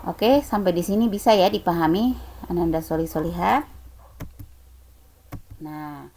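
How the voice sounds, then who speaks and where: Slow, patient woman teacher. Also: lowish voice, a little mellow, slight background noise, low-quality recording. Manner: patient, repeats points and asks rhetorical questions. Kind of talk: slow online class explanation.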